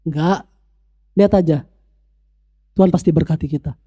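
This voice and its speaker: A preacher voicing a churchwoman praying in plain, earnest words, a little lower and quieter than his own voice. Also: moderate pace, slightly rough, long reverb tail. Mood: assured. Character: humble praying churchwoman, simple and sincere.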